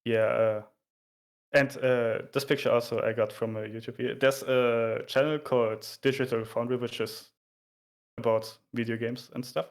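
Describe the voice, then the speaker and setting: A man explaining things informally in a casual chat, in a somewhat halting, hesitant way. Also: medium pitch, fairly even intonation. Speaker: explainer of video game graphics.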